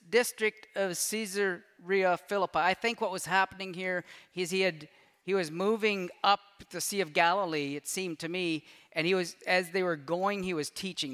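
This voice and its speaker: A man's voice: high-pitched, a bit bright, smooth. A man preaching a sermon, reading scripture aloud and breaking off for casual asides to the congregation. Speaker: pastor. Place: church sanctuary. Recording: long church-hall reverb.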